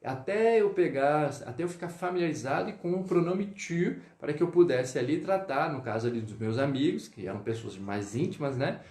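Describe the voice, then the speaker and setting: A man teaching French in a live online lesson, greeting viewers and drilling pronunciation slowly. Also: fairly high pitch, expressive, darkish tone, reverberant. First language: Portuguese.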